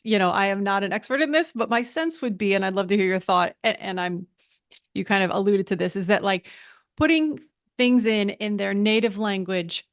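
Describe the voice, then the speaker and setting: A woman's voice: mid-range voice, dry recording. Chatty woman podcast host, dry sound. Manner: chatty, self-interrupting with frequent restarts. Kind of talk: conversational interview.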